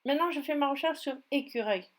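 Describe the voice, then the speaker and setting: A woman's voice: high voice, quick pace. A woman with a Spanish accent, a teacher walking students step by step through an online dictionary in a screen-recorded tutorial. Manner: step-by-step, patient explaining.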